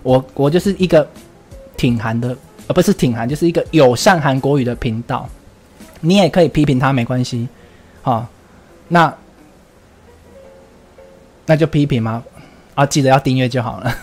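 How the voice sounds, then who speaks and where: A man's voice: medium pitch, normal speed, long pauses, a little mellow, breathy edge, soft background music. A man with a Taiwanese Mandarin accent hosting a casual livestream chat, blunt and ranting, swearing freely while answering viewers' comments. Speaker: livestream host.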